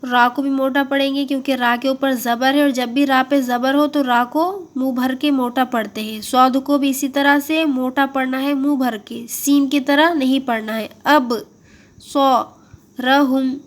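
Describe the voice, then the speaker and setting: Female Quran teacher, high voice, patient; slow drawn-out model words, then plain explanation. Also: fairly even intonation. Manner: patient, repeats and checks understanding. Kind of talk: step-by-step tajweed lesson.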